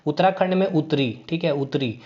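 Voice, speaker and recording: A man's voice: fairly high pitch, fairly quick, darkish tone. A man teaching an exam-prep lesson in a casual style, repeating terms and building memory tricks. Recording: dull lo-fi sound.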